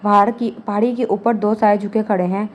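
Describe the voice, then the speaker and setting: A woman narrating a novel as an audiobook, in a calm, even storytelling manner. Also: mid-range voice. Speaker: novel reader.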